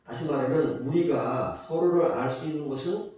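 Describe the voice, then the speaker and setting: A man's voice: a little high, normal speed, warm tone. A man preaching a sermon as a pastor, emphatic, repeating key phrases and asking rhetorical questions. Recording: distant mic, very echoey church hall.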